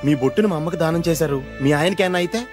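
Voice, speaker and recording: Guy doing a worked-up young dude, dramatic, high voice, talks quick, music behind. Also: close to an everyday voice. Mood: melodramatic. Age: young adult. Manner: melodramatic, excitable. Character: excitable young man, melodramatic and vengeful.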